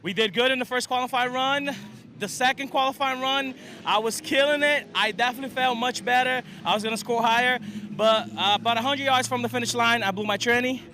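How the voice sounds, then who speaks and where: Hyped man rambling at a loud track. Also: extremely high pitch, brisk. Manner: excited, rambling, repeats words. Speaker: drift driver. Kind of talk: casual interview. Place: outdoor drift race track. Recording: noisy outdoor race track. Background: car engines and track noise.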